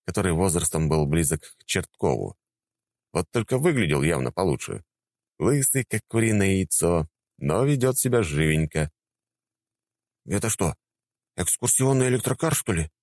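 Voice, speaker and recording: A man narrating a fantasy audiobook in a calm, even manner. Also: sits low, moderate pace, no room sound, studio quality.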